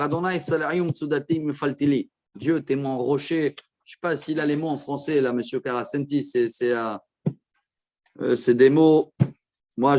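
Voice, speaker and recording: A man teaching a Torah class as a rabbi, explaining verses with quick asides to his listeners. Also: a little high, a little mellow. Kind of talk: Torah lesson.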